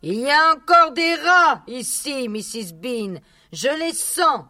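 A man reading aloud and voicing a fat, fussy female cook, in a slow falsetto. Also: lively intonation, sharp tone, no echo, studio quality, exaggerated voice. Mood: fussing. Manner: slow, sing-song falsetto.

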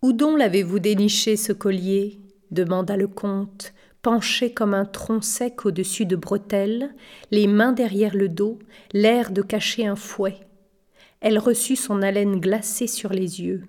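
A woman narrating an audiobook with expressive character voices. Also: medium pitch, unhurried.

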